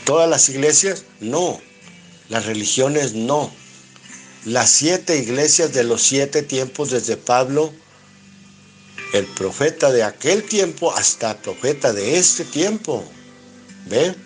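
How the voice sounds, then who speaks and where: A Mexican man preaches a Bible study, reading verses and then explaining them in his own words. He asks himself rhetorical questions and answers them. His voice sits at an ordinary middle pitch, with faint guitar music playing behind him. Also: expressive, slow. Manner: reads scripture aloud and explains it line by line.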